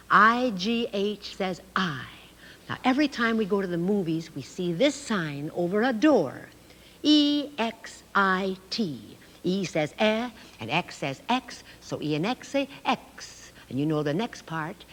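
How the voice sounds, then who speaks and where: A woman teaching children phonics on a television course, speaking in a slow, carefully enunciated sing-song way, on an old 1960s TV recording. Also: medium pitch, a bit bright, big-room sound.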